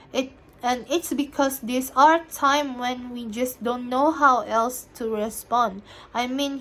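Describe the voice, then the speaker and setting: A young woman student reads an interview transcript aloud for a listening assignment. Her voice sits fairly high, and she moves slowly through the text. She trips over words and restarts them often. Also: a bit bright. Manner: halting reading with frequent restarts.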